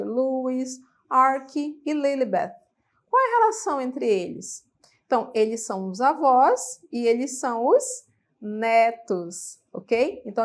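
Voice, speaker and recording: A woman with a Brazilian Portuguese accent, teaching English vocabulary in a classroom lesson, checking in with frequent tag questions and repeating words for practice. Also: fairly high pitch.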